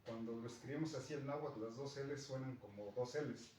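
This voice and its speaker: A man's voice: mid-range voice, normal speed, darkish tone. Mexican man teaching in an echoey classroom. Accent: Mexican Spanish. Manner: patient, checks in with "¿no?" and "¿sí?". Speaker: Nahuatl language teacher. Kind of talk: classroom explanation. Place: school classroom. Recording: echoey classroom, distant mic, faint noise.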